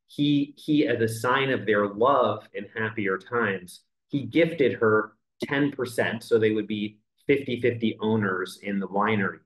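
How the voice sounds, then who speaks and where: On a low-quality video call, an entertainment news editor in his forties explains a legal story in a remote news interview, using a lowish but fairly bright voice. He goes step by step in a conversational way, saying "you know" often, from an indoor room with a framed poster behind him.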